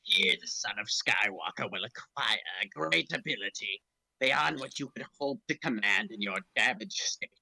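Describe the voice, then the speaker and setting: Man putting on a gravelly, sinister old Emperor Palpatine. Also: lowish voice, animated, pushed and bright, dry recording, pitched below the performer's own voice, full character voice, rough recording. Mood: grandiose. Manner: slow, ominous proclamations. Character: sinister old Sith emperor hologram, scheming, grandly foreboding.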